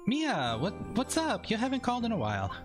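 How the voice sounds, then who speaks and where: A man voicing a cheerful, teasing teenage girl in a cute, high girly voice while playing a game. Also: wildly swooping pitch, brisk, over music, full character voice.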